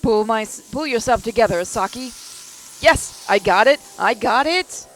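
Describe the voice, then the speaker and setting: A young woman voicing a nervous, excitable young female inventor, narrating in first person with a breathless, shaky voice. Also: mid-range voice, normal speed, soft background music, close to an everyday voice, low-quality recording. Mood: panicked. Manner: breathless, voice shaking when excited.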